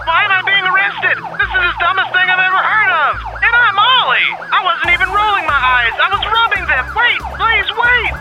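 A man's voice: very high-pitched, lively intonation, moderate pace, hardly any pauses, over loud music, over a noisy crowd, low-quality recording. A man playing an indignant, pleading arrestee in a reality show parody.

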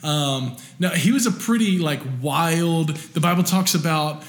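A man preaching a sermon in a relaxed conversational way, with many fillers and restarts. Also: a little high, measured pace. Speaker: pastor.

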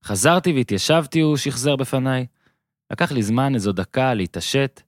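A man narrating his own written column for a podcast in a measured storytelling way, dropping quieter on quoted lines. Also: medium pitch, no room sound, clean studio sound. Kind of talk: scripted narration.

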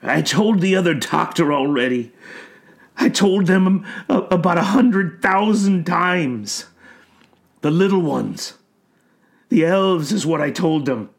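A haunted old man, skin and bones, locked in an asylum, as a man reads him aloud. He mumbles in a folksy way and his voice strains high and cracks into sobs. Spoken slowly, as in a storybook. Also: lively intonation, creaky, exaggerated voice. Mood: mumbling. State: sobbing. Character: broken old male asylum patient, haunted.

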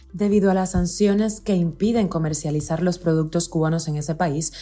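Female news podcast host, low mellow voice, steady read, faint music bed. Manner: steady, clear news delivery. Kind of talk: news reading.

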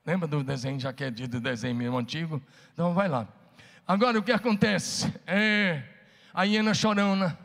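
A man's voice: a little high, normal speed, fairly bright tone, long reverb tail. A man preaching a sermon, calling on the congregation to answer back. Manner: preaching with call-and-response to the congregation. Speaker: pastor.

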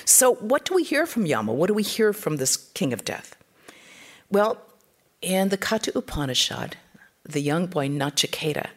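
A spiritual teacher giving an informal talk, speaking conversationally and acting out the quotes in the stories. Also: mid-range voice.

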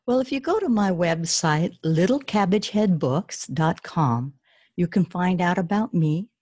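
A woman who writes children's books talks eagerly about her readers, often restarting her sentences as she goes. Her voice is low and husky. The recording is dry and close. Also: lively intonation, unhurried, darkish tone, dry recording. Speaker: children's author. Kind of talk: interview answers and storybook reading.

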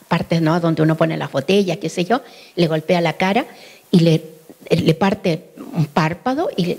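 A woman's voice: on the low side, a little mellow, slightly rough. An older woman giving a talk on early childhood education to an audience, often asking them questions and acting out the voices she quotes.

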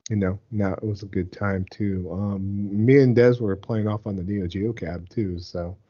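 A man co-hosting a casual gaming podcast, his voice gravelly from a mild virus. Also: fairly low pitch, steady tone, moderate pace, warm tone, highs cut off. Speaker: podcast co-host.

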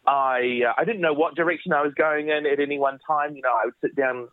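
A New Zealand children's musician chats casually in an interview from his home office, restarting often. His voice is fairly high and fairly even in intonation, he talks fast, and the dry, phone-like line carries no room sound.

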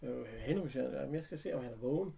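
A man chatting casually, retelling an episode with animated bits of acted dialogue. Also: medium pitch, creaky, slightly rough. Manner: animated retelling, acting out characters' lines. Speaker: recapping a TV episode. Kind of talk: casual chat.

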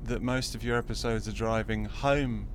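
A man's voice: on the low side, fairly even intonation, moderate pace, a little hiss or hum. A man hosting a casual podcast from inside a car, steering the chat in a wry tone and quoting listeners. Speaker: podcast host and editor.

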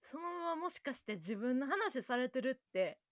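A woman's voice: high-pitched, normal speed, no room sound, studio quality. A young woman with a Kansai accent, co-hosting a casual podcast and telling a story with lots of acted-out quotes. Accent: Kansai Japanese. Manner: animated storytelling, acting out quotes. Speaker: podcast co-host. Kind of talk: casual chat.

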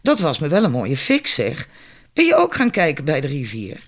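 Mary: a man voicing a fiery, sharp-tongued woman. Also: a little high, huge pitch swings, normal speed. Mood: brisk, bossy. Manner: indignant, chatty, bossy.

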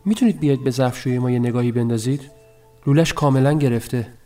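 A man's voice: mid-range voice, warm tone, soft background music, close to an everyday voice. A man voicing a tired, nervous young housewife with a thin, dull voice who leaves sentences unfinished. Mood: weary.

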